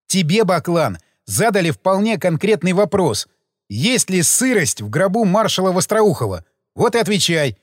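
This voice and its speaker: A man's voice: high-pitched, very animated, normal speed, no room sound, studio quality. A man reading an audiobook, voicing a sardonic male police major who speaks in a mocking, menacing way.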